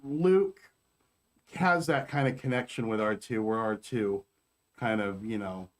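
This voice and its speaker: A man's voice: lowish voice, unhurried. Chatty man co-hosting a fan podcast. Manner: animated, trailing off with fillers. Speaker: podcast co-host. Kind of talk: casual chat.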